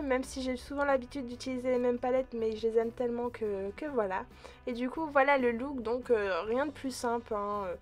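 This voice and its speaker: A woman with a fairly high voice talks through her makeup routine in a relaxed, friendly vlog tone. She hesitates often and chats directly to her viewers as if they were friends. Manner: chatty, relaxed, frequent hesitations. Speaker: beauty vlogger. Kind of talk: casual makeup tutorial narration.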